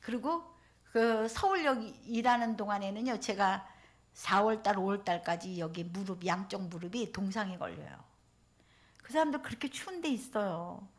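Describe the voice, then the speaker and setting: A middle-aged woman preaching at a church revival meeting, recounting her own story. Her voice sits in a middle pitch range. She drops to near-whispers, then rises loud as she acts out the people she meets. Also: moderate pace. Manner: emotional storytelling, acts out voices, swings between soft and loud. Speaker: pastor's wife preaching. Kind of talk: sermon testimony.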